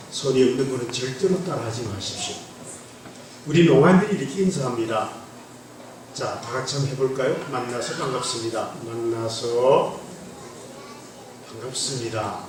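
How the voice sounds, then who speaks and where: This Andong man, a guest pastor with a light North Gyeongsang accent, talks at a normal speed in a medium, slightly mellow voice, leaving long pauses. His playful testimony sermon pokes fun at the congregation inside a church sanctuary. Captured from afar, the sound is echoey with a little hiss or hum.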